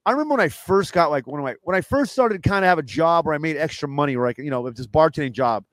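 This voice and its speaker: Comedian guy rambling super fast, kinda higher voice, dry close mic. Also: lively intonation, a bit bright, no room sound. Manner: rambling, fast, lots of fillers and restarts. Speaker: guest, comedian and cook. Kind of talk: casual interview chat.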